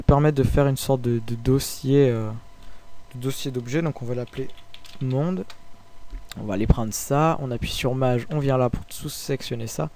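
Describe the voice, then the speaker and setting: A young Frenchman walks through a 3D rendering tutorial at his desk, talking loosely into his microphone. His delivery is halting and informal, full of little fillers and restarts as he clicks along. His voice sits at an ordinary middle pitch for a man. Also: vocal fry, warm tone. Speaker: tutorial maker. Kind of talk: casual screen-recorded software tutorial.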